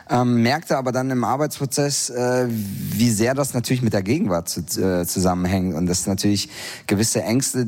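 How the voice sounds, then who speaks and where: A man's voice: mid-range voice, vocal fry, darkish tone. A middle-aged man from Iran, an author, answering interview questions hesitantly with many fillers. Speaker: graphic novel author.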